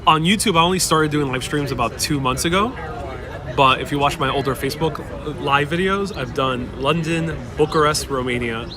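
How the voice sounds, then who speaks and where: A young man with Spanish as his first language runs a casual livestream from a busy city street, speaking at normal speed in a voice on the high side. He reads viewers' questions aloud and rambles warmly into a wireless clip-on mic while the crowd and passing traffic are clearly heard.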